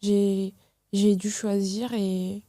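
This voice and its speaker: A young woman from France, a podcast guest talking in a reflective, hesitant way with many pauses and restarts. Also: medium pitch, level tone, warm tone, no room sound, studio quality. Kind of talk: casual podcast conversation.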